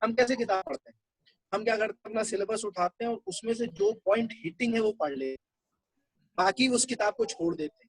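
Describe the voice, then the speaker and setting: A man's voice: high-pitched, expressive, a little fast, husky, dry recording, rough recording. A male teacher giving a classroom lecture, talking conversationally and explaining things step by step.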